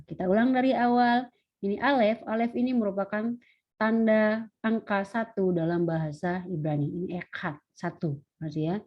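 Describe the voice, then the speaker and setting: A woman lecturer giving an online lesson, explaining step by step and slowing down to sound out words. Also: mid-range voice, steady tone, highs cut off.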